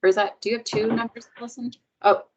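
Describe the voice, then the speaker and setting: A woman's voice: fairly high pitch, level tone, quick pace, breathy edge. A woman facilitating a video meeting in a chatty, upbeat way with plenty of fillers, heard over a video call. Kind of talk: casual video meeting chat. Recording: dull, muffled video call audio.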